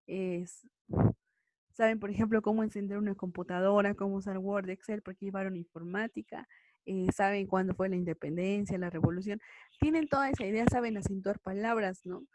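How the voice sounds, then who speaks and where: A woman's voice: medium pitch, steady tone, brisk, a little mellow, no room sound. A woman teacher with a Mexican accent giving an online class, talking casually with many tag questions. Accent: Mexican Spanish. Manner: conversational, frequent tag questions.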